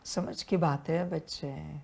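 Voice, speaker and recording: A woman preaching a devotional sermon in a slow, unhurried way, with a voice that sits a little low. She addresses her listeners as children and returns again and again to rhetorical questions and refrains. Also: steady tone, vocal fry, dark tone, breathy edge. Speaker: spiritual teacher.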